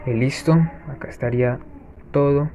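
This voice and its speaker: A man hosting a let's-play, chatting to viewers as he plays and breaking off with quick gasping reactions. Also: mid-range voice, little pitch movement, mellow, slight background noise. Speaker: gaming channel host. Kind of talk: let's-play gameplay commentary.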